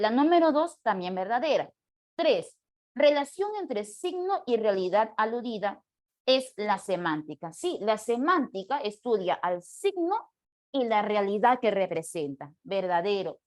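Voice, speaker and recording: A woman's voice: on the high side, a little mellow. A woman language teacher going over quiz answers with her class, explaining each one patiently and often checking in with short questions to the students.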